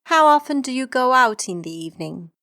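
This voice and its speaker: A woman's voice: sits high, expressive, fairly quick, bright, forceful tone, no room sound. Polite female examiner, dry sound. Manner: polite, formal questioning. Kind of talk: scripted exam questions.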